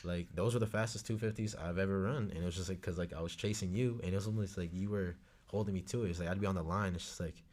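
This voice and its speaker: Young man, very deep voice, rapid talk, filler-heavy runner chat. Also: a little mellow. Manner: rapid, filler-heavy, keeps saying "it's just like". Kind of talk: casual chat.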